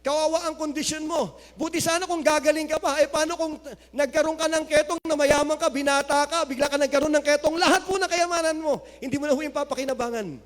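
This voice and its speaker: A male pastor preaching a sermon, mixing Tagalog and English and rising to loud exclamations of praise. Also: extremely high pitch, steady tone, fast. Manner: mixes Tagalog and English, reads scripture aloud. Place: church hall. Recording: hall reverb.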